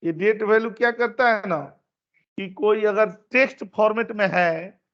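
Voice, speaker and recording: A high, slightly bright male voice moves at a moderate pace as an instructor runs an online lesson. He breaks things down step by step and says the same phrases again. Picked up by a computer mic on a video call, the recording is dull and lo-fi.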